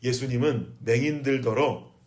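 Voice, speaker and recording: A male pastor delivering an emphatic sermon, his voice climbing to loud urgency at its peaks. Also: medium pitch, fairly even intonation, normal speed. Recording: echoey room.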